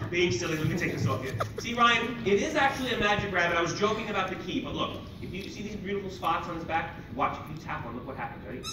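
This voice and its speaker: A man in his thirties doing playful, jokey kids party magician patter on stage, hyping up the children. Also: sits high. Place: library auditorium stage, indoors. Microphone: distant audience camera. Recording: roomy, noisy hall recorded from far off.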